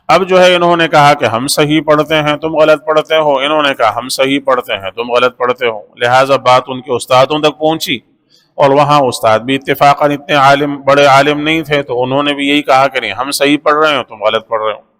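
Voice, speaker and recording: A man giving a Quran lesson, explaining in a steady, repetitive way with many honorifics. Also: medium pitch, long reverb tail. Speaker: Quran teacher. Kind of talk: religious lesson.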